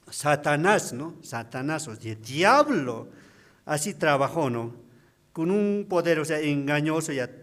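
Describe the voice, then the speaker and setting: A man, a deacon giving a personal testimony at a prayer service in a chatty storytelling way, often tagging his sentences with a questioning "no?". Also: fairly bright tone. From Bolivia. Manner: conversational storytelling, frequent tag questions, pitch jumps when quoting others.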